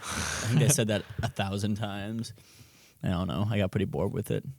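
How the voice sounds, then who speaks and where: A man's voice: on the low side, fairly even intonation, normal speed, darkish tone, no echo. A young man co-hosting a podcast, telling stories in a rambling, casual way. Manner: rambling, trails off and restarts. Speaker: podcast co-host. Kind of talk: casual chat.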